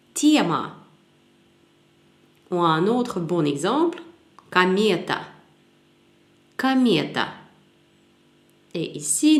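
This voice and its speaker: A woman teaching a language lesson, slowly repeating each example word so it can be copied. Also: mid-range voice. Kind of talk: slow spoken language lesson. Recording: roomy echoey room.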